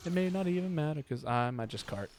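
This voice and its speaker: A man's voice: a little high, expressive, quick pace, a little mellow. Man rambling through a game stream, noisy background. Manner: rambling, thinking aloud. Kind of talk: casual live gaming commentary. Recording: clear background noise.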